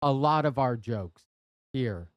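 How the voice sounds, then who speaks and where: A man's voice: mid-range voice, lively intonation, slow pace, clear, resonant tone, dry recording, dull audio. A man hosting a live stream from his workshop, chatting casually and playfully reading out viewer jokes. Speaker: livestream host. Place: workshop and studio.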